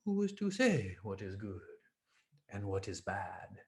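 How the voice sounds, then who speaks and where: Serene old farmer, quiet and unbothered, guy acting it out. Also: lowish voice, pitched below the performer's own voice. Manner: calm, hushed, unhurried.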